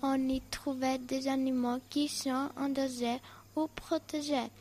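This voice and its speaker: A student presenting in a school radio play, reading carefully at a learner's pace. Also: female voice, high voice, level tone, unhurried, darkish tone, a little hiss or hum.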